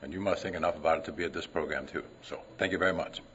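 An older man from Denmark giving a conference talk, clearing his throat often and mixing science with folksy anecdotes. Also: very deep voice, rapid-fire, fairly bright tone, a little hiss or hum. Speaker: conference presenter. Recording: dull lo-fi recording.

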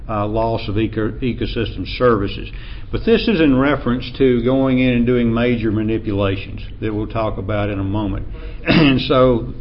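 A man with an Appalachian American accent giving an informal academic lecture in a measured, hesitant way, often clearing his throat. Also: lowish voice. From Appalachian United States. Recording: dull lo-fi sound, faint background noise.

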